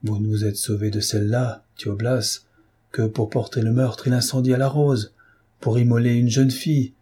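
A man's voice: mid-range voice, flat delivery, moderate pace, dark tone, breathy edge, close to an everyday voice. A man reading aloud, voicing a young French chevalier who speaks in a stern, accusing manner. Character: young indignant French chevalier, proud swordsman. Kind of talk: audiobook reading.

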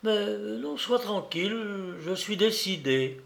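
A man's voice: sits high, lively intonation, slow, gravelly, voice pushed up, exaggerated voice. A man reading aloud voices a hesitant young woman whose voice is grave and musical. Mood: calm resolve. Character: sad young woman, then calmly decided.

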